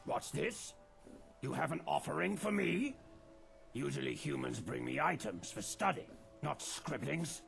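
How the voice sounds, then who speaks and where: An actor playing a theatrical ghoul man in a video game, with a raspy voice and a grandiose way of talking. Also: fairly high pitch, lively intonation, a little slow, fairly bright tone, faint music behind, exaggerated voice. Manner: grandiose and theatrical, dropping into weary plain talk. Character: theatrical ghoul man posing as pompous alien interloper-hunter. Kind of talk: video game character dialogue.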